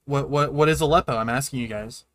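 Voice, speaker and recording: A man, co-hosting with sarcastic quick jokes. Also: mid-range voice, fairly bright tone, dry recording, clean studio sound. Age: 20s. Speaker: podcast co-host. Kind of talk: casual chat.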